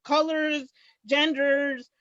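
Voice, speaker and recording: A middle-aged woman with a high voice tells her story in a conversational, emphatic way, often repeating phrases and voicing quotes. The recording is dry and slightly muffled. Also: level tone, drawn-out words, a bit bright, no room sound. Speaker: small business owner, guest.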